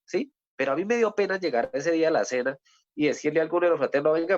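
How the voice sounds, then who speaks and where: Earnestly sharing his faith testimony, a Colombian man keeps checking in with listeners using a rhetorical "¿sí?" and restarts, circling back over what he's said. His voice is a bit high for a man, and the recording is dry and somewhat dull with little room sound.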